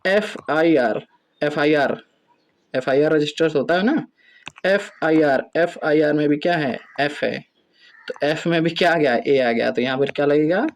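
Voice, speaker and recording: Male teacher with a Hindi accent, slightly higher voice, patient step-by-step explainer. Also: normal speed. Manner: explains step by step, asks himself questions then answers. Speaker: English grammar teacher. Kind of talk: classroom-style lesson.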